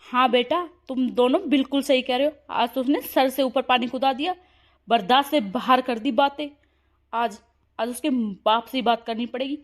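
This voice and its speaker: A tired, fed-up mother-in-law from a cartoon family drama, voiced by a woman. She complains wearily in a fairly high voice. She sounds worn down by the household fighting. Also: normal speed, lightly acted. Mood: weary.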